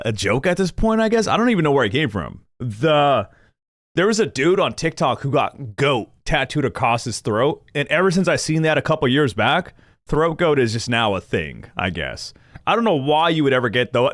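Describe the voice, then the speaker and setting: Brief: young male streamer, lively up-and-down delivery, rambling and self-mocking, dry close sound. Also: medium pitch, moderate pace, no echo. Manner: rambling, self-deprecating, laughs often. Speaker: gaming streamer reacting to lore videos. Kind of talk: casual rambling chat to viewers.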